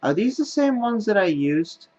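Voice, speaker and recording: Hosting a gaming video, this man thinks aloud in casual let's-play commentary while he plays. His voice is high-pitched and very animated, at normal speed, with a darkish tone and the highs cut off.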